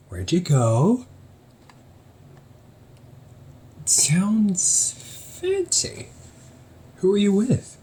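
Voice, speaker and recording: A man with a fairly low, slightly mellow voice acts the part of a young older brother who runs a hobby shop. Chatty and teasing, he speaks one-sidedly to the listener in an audio roleplay and laughs often.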